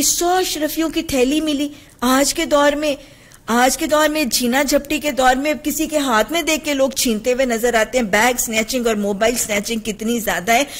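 Earnest woman teaching hadith, Urdu accent. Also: sits high. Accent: Pakistani Urdu. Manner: earnest, emphatic, mixes English phrases into her teaching. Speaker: Islamic teacher giving a hadith lesson. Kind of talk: religious lesson, reading and explaining hadith.

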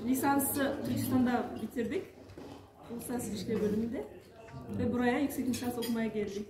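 A woman's voice: fairly high pitch, steady tone, fast, crowd noise. Young female guest, hesitant informal introduction, echoey room, heard from afar. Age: young adult. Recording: distant, loud noisy echoey hall.

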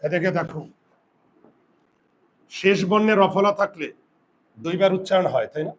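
Male teacher, high voice, quizzes students and repeats words slowly, faint background noise. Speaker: Bengali grammar teacher. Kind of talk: classroom lesson.

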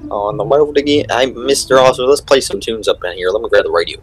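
Guy doing goofy rowdy redneck, kinda low voice, childlike schemer, game rp with music. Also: quick pace, lightly acted. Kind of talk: improvised video game role-play.

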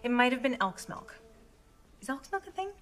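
An actress playing an earnest, rambling waitress who confides oddly in a sitcom. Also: female voice, high-pitched, big pitch swings, moderate pace, a bit bright, faint music behind. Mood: confiding. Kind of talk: sitcom acting.

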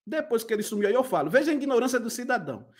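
Indignant high-voiced Pernambuco man. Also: big pitch swings, very fast. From Pernambuco, Brazil. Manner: indignant and combative, repeats insults. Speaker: gospel channel host. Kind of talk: heated livestream rant.

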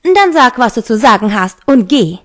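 A woman's voice: high-pitched, expressive, normal speed, a little mellow, voice pushed up. A woman reading the lines of a protective female angel calling out in a fantasy audiobook. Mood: urgent.

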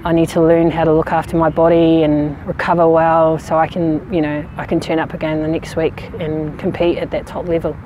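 A woman in her thirties from New Zealand, a rugby player answering interview questions outdoors in a frank, relaxed way with many fillers. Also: deep voice, brisk, few pauses, highs cut off, a little hiss or hum. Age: 30s. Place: outdoors on a sports field. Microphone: camera at medium distance.

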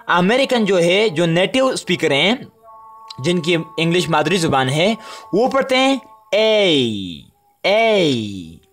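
His voice sits high and a little bright as this Pakistani Urdu-accented man teaches English letter sounds. The lesson is casual and chatty, he calls his viewers friends, and he repeats every letter in a slow, stretched-out way.

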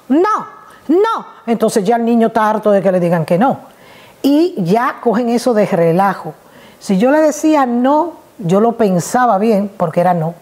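An older woman psychologist giving casual parenting advice, telling stories with lively acted voices. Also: on the high side. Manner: lively storytelling, acts out voices. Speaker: psychologist and host. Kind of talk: casual advice talk with anecdotes.

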